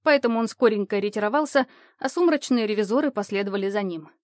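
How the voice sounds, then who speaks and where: A woman reading an audiobook in even, measured scripted narration. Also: mid-range voice, no room sound, clean studio sound.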